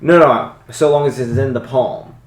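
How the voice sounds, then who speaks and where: A man's voice: mid-range voice, moderate pace, a little hiss or hum. A man playing in a tabletop game, chatting casually and double-checking the rules with questions. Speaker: player. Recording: echoey room.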